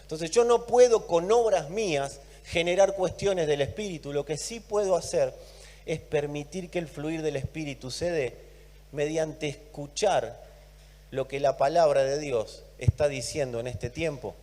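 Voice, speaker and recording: A man with an Argentine accent preaching a sermon, emphatic, swinging between loud and soft and repeating words for emphasis. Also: on the high side, measured pace, long reverb tail. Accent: Argentine Spanish. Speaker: pastor.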